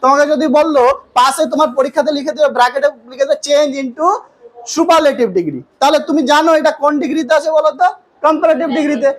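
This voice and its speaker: A woman's voice: sits high, quick pace, poor audio. A woman teaching an English grammar lesson. She quizzes her students with questions, then answers them herself. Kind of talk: classroom lesson.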